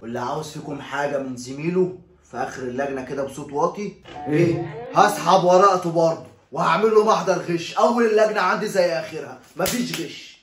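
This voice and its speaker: A strict, threatening exam proctor, acted by a man, with an Egyptian Arabic accent, stretching out his warnings to the room. The voice sits a bit high and echoes in the space. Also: lightly acted. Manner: stern, threatening, drawn-out warnings.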